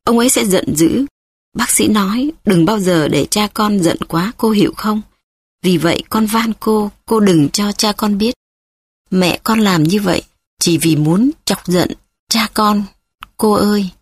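A woman's voice: mid-range voice, measured pace, breathy edge, no room sound, studio quality. A woman reading the part of a frightened little girl who begs and sobs, in an audiobook. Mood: pleading. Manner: begging, sobbing.

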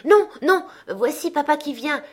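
A woman reading aloud voices two excited small children from a storybook, shrill and exclaiming. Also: unhurried, exaggerated voice. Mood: gleeful. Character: excited small Cratchit children, boy and girl.

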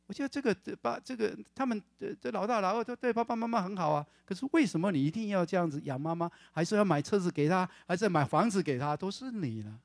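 A man preaches a sermon with animated delivery, voicing the people in his stories as he goes. His voice sits a little high for a man. The sound is dry, with hardly any room echo. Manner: animated, acts out quoted voices of family members. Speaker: pastor.

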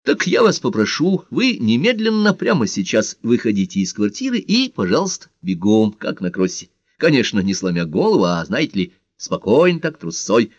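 A man's voice: on the low side, sing-song, normal speed, hardly any pauses, dry recording. A man voicing a polite, slightly embarrassed middle-aged man making a phone call in an audiobook. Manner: polite, apologetic.

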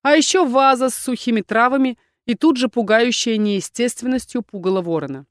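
A woman reading a fantasy novel aloud in the first person, with steady storytelling. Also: a little high, a little fast, dry recording, clean studio sound. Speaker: narrator. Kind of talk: audiobook narration.

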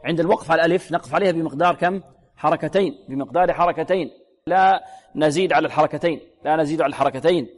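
In a long-reverb room, a fairly high-voiced man teaches recitation rules with recited examples, drawing out each word slowly and repeating it carefully many times. Patiently, he poses questions and then answers them himself.

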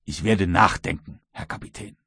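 A male audiobook reader voicing a bold, unflappable American servant with a husky voice. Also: low voice, moderate pace, fairly bright tone, dry recording, clean studio sound, full character voice. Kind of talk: audiobook reading.

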